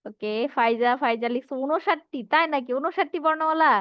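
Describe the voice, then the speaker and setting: A high-voiced woman teacher with a Bangladeshi Bengali accent leads an online lesson, often putting questions to her students. Her voice is dry and close, a little muffled and lo-fi. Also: brisk, dry recording. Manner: reads out students' answers and asks rhetorical questions. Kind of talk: online class lecture.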